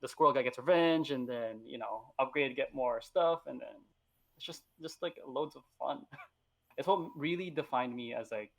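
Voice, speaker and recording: A man's voice: mid-range voice, moderate pace, gravelly, a bit bright. A man co-hosting a casual podcast chat, talking enthusiastically about favorite games and often restarting his sentences. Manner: enthusiastic, rambling with restarts and laughs. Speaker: podcast co-host.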